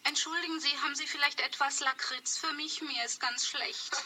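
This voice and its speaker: An actress playing the poet's scorned young girlfriend, sharp and indignant. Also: high voice, steady tone, normal speed, slight background noise, poor audio. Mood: sulky. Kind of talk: radio play for language learners.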